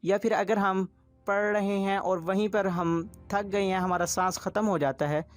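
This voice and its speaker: A man's voice: sits high, steady tone, normal speed, no echo, faint music behind. A man teaching Quran recitation rules step by step, patient and repetitive in his explaining.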